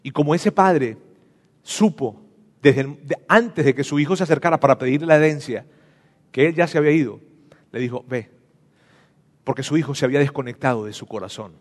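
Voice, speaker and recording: A man's voice: mid-range voice, fairly quick. A preacher who tells a story dramatically and speaks directly to his listeners. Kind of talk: sermon. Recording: long reverb of a large hall.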